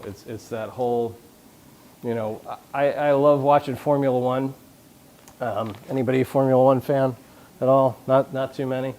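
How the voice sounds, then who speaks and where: A man's voice: mid-range voice, a little mellow, lo-fi sound. Chatty man giving a conference talk. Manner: conversational, jokey, many restarts, asks the audience questions. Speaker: conference speaker on leadership. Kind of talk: live conference talk to an audience. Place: conference room with a live audience.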